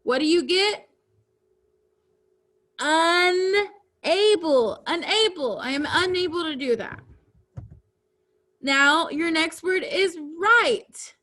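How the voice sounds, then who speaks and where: A woman teacher giving a reading lesson to children, speaking deliberately and enunciating each word clearly. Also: very high-pitched, animated, sharp tone.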